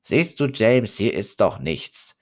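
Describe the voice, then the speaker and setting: A man voicing a calm, loyal young male friend in a horror story, speaking in a level, reassuring way. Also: lowish voice, takes it slowly.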